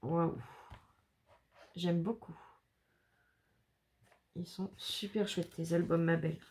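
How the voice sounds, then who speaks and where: A woman's voice: fairly low pitch, fairly even intonation, slow, darkish tone, a little hiss or hum. A woman chatting casually as she unboxes handmade scrapbook albums, exclaiming and laughing often. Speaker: scrapbooking vlogger.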